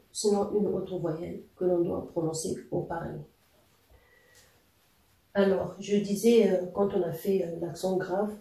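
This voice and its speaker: A language teacher talking slowly and patiently, with a very dark, mellow tone and frequent hesitant pauses. The voice sits a little back from the mic in a strongly echoey room, with each word given time to land. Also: mid-range voice, creaky, far from the mic. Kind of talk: explanatory language lesson.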